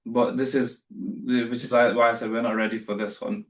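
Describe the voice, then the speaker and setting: A man's voice: mid-range voice, level tone, moderate pace. Patient male teacher, roomy distant sound. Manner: patient, repeats himself, corrects students. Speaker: Arabic teacher. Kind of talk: live online class.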